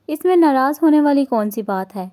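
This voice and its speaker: A woman's voice: high-pitched, animated, dark tone. A woman voicing a young bride in a romance novel reading, eager and a little pouty. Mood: sweet.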